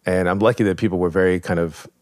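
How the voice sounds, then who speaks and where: Deep-voiced man telling a vivid story. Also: steady tone, fast, dry recording, studio quality. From New York. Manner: vivid, self-mocking storyteller. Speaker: guest, professor. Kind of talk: storytelling in a podcast interview.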